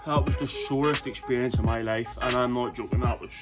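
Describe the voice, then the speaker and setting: A man, bantering casually and coaching in an excitable, encouraging way, recorded outdoors away from the camera. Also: medium pitch, a little fast, over loud music. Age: 20s. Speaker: challenge vlogger. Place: outdoors in a small back garden. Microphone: camera a few metres away.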